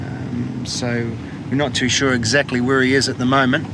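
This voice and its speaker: A policeman with a New Zealand accent speaks informally at a middle pitch, briefing on the job. Clear outdoor vehicle noise surrounds him. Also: flat delivery, moderate pace. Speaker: police officer. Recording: noisy outdoor traffic.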